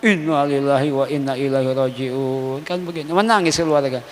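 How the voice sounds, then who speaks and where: A male religious teacher giving a kitab study lecture, chanting Arabic text slowly and then explaining it with casual humor. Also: medium pitch, a little hiss or hum. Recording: long reverb of a hall.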